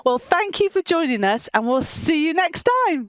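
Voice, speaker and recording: A woman presenting a children's program, telling a Bible story in a lively way and laughing often. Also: high-pitched, moderate pace, no echo.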